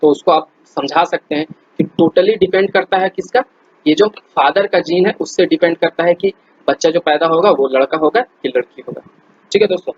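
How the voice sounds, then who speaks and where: A man walks through quiz questions like a friendly tutor, chatty and loose, stopping often to restart his sentences. His voice sits a little high and sounds husky. The recording is dull and lo-fi. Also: moderate pace, no room sound. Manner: chatty, many fillers and restarts, addresses viewers as friends. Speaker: teacher. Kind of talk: casual explainer lesson.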